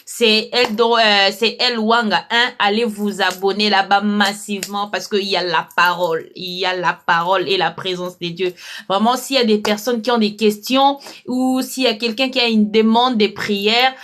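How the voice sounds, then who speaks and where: A woman hosts a live online faith show in a mid-pitched voice, informal and a bit hesitant as she repeats phrases. Faint noise sits behind her. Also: fairly even intonation, normal speed, fairly bright tone. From lives in Belgium. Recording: clear background noise.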